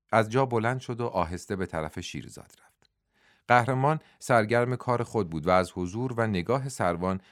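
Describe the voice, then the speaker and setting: A male narrator reads a novel in a steady storytelling voice. His pitch is low yet lively in its rise and fall. The recording is dry and close, with no room sound. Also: no room sound. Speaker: audiobook narrator. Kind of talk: scripted narration.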